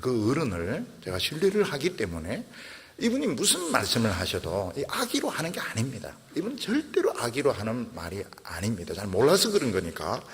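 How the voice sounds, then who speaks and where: A middle-aged man preaching a sermon, telling the story in a lively way and acting out the quoted dialogue. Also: mid-range voice, long reverb tail. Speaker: pastor.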